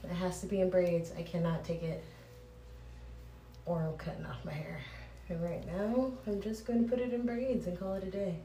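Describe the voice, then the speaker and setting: A woman with a fairly low voice rambles casually, correcting herself and laughing at her own slips. She is recording in a small bathroom, so her voice bounces around like it is in a cave. A faint hiss sits under the room's echo. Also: steady tone, moderate pace, warm tone, recorded from a distance. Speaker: vlogger reviewing films.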